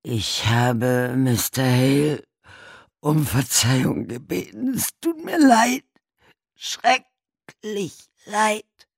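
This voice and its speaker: A man's voice: very animated, extremely slow, dry recording, clean studio sound, exaggerated voice. A terrified buried man, wailing. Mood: desperate pleading. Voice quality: rough, desperate. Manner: high, wailing, sobbing pleas.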